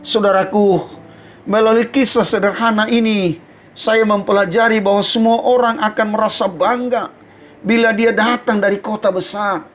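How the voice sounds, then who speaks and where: A man preaching a radio sermon from Central Sulawesi, telling a story and addressing listeners as brothers and sisters. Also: sits high. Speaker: preacher on a morning devotional radio program.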